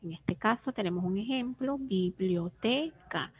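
Woman teacher, slow and deliberate, precise diction for young kids, dull lo-fi sound. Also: medium pitch. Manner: clear, careful syllable-by-syllable pronunciation. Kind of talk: slow scripted reading lesson for children.

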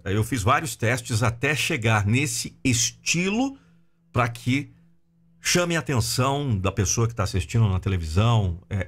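A man's voice: on the low side, fairly bright tone. A Brazilian man in his forties talking to camera as a voice professional, polished and articulate, close on a studio microphone. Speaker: professional voice-over artist and teacher. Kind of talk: talking to camera about voice work. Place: small sound-treated home studio. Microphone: close studio condenser microphone.

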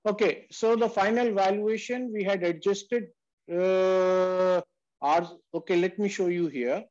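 A man's voice: sits high, steady tone, a little slow, darkish tone. A man teaching on an online call, explaining emphatically and addressing listeners as sir. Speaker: valuation instructor. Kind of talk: explanatory online lecture with questions and answers. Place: online group video call. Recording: dull lo-fi video call audio.

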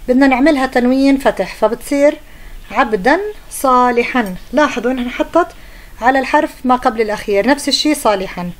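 Woman teacher, fast-paced, fairly high voice, patient grammar lesson. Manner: patient, checks in with pupils often. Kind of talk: explaining a grammar lesson to pupils.

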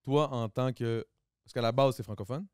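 A man's voice: mid-range voice, fairly even intonation, moderate pace, smooth, no room sound, studio quality. A man with a Quebec French accent hosting a podcast, laid-back and slangy, swearing freely in casual chat. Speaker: podcast host.

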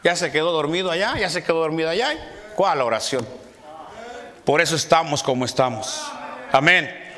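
A middle-aged pastor preaching in a church, his voice bright and ringing as he climbs into shouts and calls out amen after amen. He sits a little high for a man and keeps the congregation close with quick asides and playful mimicry. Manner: preaching with rising shouts and repeated amens. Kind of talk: sermon. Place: church sanctuary.

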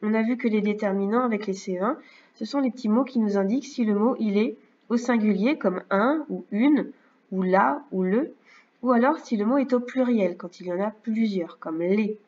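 A woman teacher giving a remote reading and maths lesson to young children, speaking slowly and clearly and often checking in with "d'accord?". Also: medium pitch, darkish tone. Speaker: first-grade teacher. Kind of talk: remote lesson narration over slides. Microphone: computer mic. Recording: slightly dull lo-fi sound.

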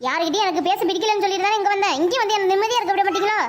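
A woman voicing a stubborn village mother in an animated family comedy-drama, bitter and scolding, with a shrill sped-up cartoon voice. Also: racing, over music.

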